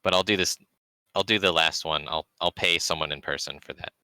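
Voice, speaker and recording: A man playing a tabletop role-playing game in casual chat, laughing often and halting with many fillers. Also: sits low, pushed and bright, clean tone, dry recording.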